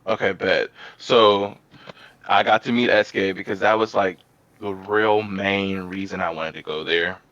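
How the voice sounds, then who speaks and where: A man co-hosting a casual podcast, telling stories in an animated, excitable way. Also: deep voice, measured pace, dry recording. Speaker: podcast co-host. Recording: dull, dry, lo-fi sound.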